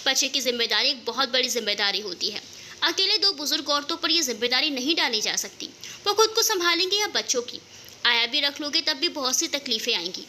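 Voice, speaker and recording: Woman doing a witty young woman, storybook reading, high pitch, bright tone. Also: animated, fairly quick, a little hiss or hum, full character voice. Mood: earnest. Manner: witty, teasing.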